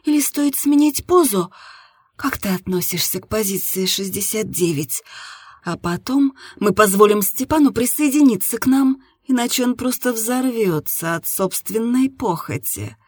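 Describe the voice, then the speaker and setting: A woman's voice: on the high side, expressive, normal speed, darkish tone, slightly rough, no echo, studio quality. A woman voicing a confident, sensual woman in an adult audiobook, with a breathless, teasing delivery.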